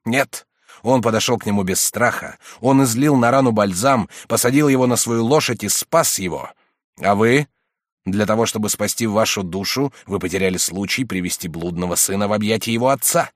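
A man's voice: mid-range voice, animated, brisk, dry recording, clean studio sound, lightly acted. A man voicing a stern old cardinal who rebukes a monk, reading a storybook aloud. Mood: reproachful. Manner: rebuking, rising and forceful.

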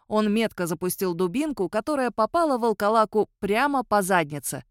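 A woman reads an audiobook story aloud with lively, animated swings in her voice. Her pitch sits in a middle range. The recording is close and dry, with no room sound. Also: normal speed, no echo. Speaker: narrator.

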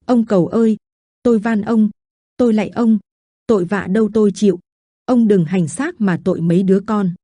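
A woman's voice: medium pitch, fairly quick, warm tone, no room sound, studio quality, close to an everyday voice. A woman voicing a wronged wife who pleads and laments through tears. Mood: pleading.

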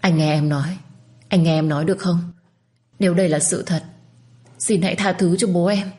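A woman's voice: fairly low pitch, fairly even intonation, moderate pace, dark tone, faint music behind, close to an everyday voice. A woman voicing a heartbroken young pregnant wife who pleads tearfully. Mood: pleading.

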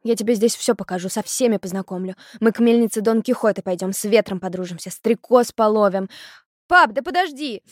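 Brash barefoot village girl, blurting and loud, a woman puts her on; dry close audiobook read. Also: medium pitch, steady tone, quick pace, hardly any pauses, no echo, close to an everyday voice. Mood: pleading. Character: feisty barefoot village girl, blunt and excitable. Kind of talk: audiobook character voice.

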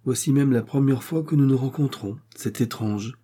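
A man's voice: medium pitch, mellow, breathy edge, pitched above the performer's own voice, lightly acted. A man playing a brooding naval captain. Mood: guarded. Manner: pensive, measured.

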